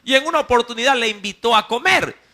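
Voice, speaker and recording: A man preaching with a coastal Ecuadorian accent, his voice sitting high and ringing hard-edged and forceful. He keeps tossing questions back at his listeners. He swings between loud emphatic peaks and low asides. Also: animated, quick pace. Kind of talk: sermon.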